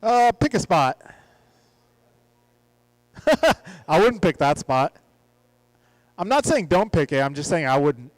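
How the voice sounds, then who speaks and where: A man with a fairly high voice runs the announcing at a hobby race track. He calls lineups and race positions and jokes casually between heats. The sound is dry and close. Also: big pitch swings, takes it slowly, long pauses, dry recording, poor audio. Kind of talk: live race commentary. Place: outdoor RC track.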